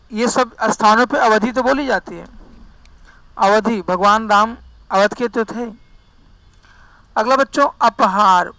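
A man teaches grammar in a chatty, folksy way. His voice sits very high and sounds bright and forceful, and it is recorded close and dry with no room sound. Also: gravelly, no room sound, rough recording. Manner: chatty, folksy, drifts into dialect asides. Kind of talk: classroom lesson.

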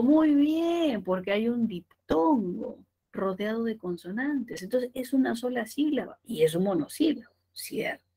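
A woman teaches a class with a Peruvian Spanish accent. She asks questions and answers them herself in a lively way, and her voice sits a little high. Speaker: language teacher. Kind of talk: classroom lecture.

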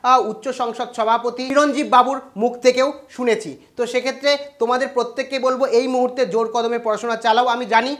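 A host giving an exam news update to students, talking quickly with frequent "ah" fillers and English loanwords. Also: medium pitch, level tone, fairly bright tone. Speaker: education news channel host.

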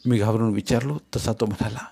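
A man narrating a novel in the first person, in an expressive, grave storytelling manner as an audiobook reader. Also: on the low side, fairly quick, creaky, slightly rough.

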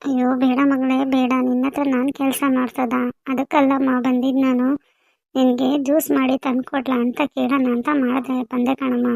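A woman's voice: sits high, completely flat delivery, a little fast, creaky, a little mellow, no room sound. A woman playing a doting village mother who fusses over her daughter in a family skit. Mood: fussing. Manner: fussy, insistent.

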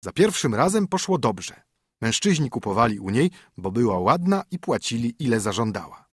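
Husky man narrating a fairy tale. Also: mid-range voice, very animated, no room sound, clean studio sound. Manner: measured, storytelling. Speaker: audiobook narrator.

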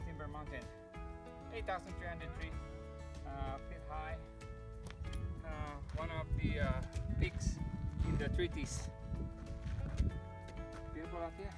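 For this casual hiking vlog, a thirty-something man narrates his mountain climb into a phone held out at arm's length outdoors. His voice is a little high, and his relaxed, unhurried talk is full of fillers and restarts.

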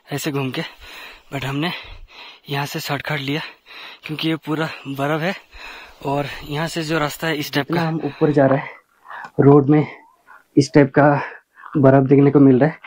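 A man vlogging outdoors while climbing a steep snowy trail, out of breath and talking slowly between breaths to his viewers. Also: on the high side, darkish tone, no room sound. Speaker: travel vlogger. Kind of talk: casual vlog narration while trekking. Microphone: handheld camera while walking.

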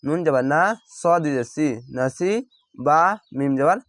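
A man teaching recitation, chanting each word slowly and then patiently spelling it out syllable by syllable. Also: on the high side, dry recording. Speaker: Quran reading teacher.

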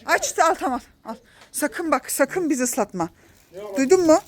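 A woman's voice: high voice, expressive, normal speed, very noisy. A woman filming a family vlog outdoors in a garden, coaxing and scolding her children and laughing often.

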